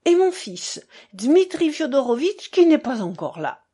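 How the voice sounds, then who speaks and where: A talkative old buffoon bursts out in a raised, lively voice, fawning and mocking himself, as a woman reads him aloud. He comes across as theatrical and eager to amuse in this storybook reading. The delivery is slow and deliberate between the excited outbursts. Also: high-pitched, voice pushed up. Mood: excited, clowning. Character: buffoonish fawning aging man, talkative and clownish.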